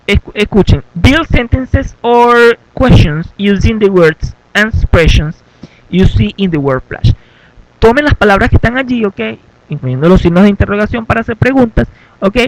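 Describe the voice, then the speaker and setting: A man's voice: high voice, dry recording, rough recording. A man teaching an English lesson in Spanish, giving instructions step by step and checking in with "ok" again and again. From Venezuela. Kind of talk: classroom lesson.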